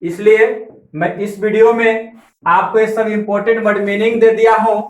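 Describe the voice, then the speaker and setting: A man gives an online class, going through vocabulary one word at a time and repeating each meaning so students can note it down. His voice sits high for a man. The room around him is echoey. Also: level tone. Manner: explains slowly, repeats key words and meanings. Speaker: English teacher.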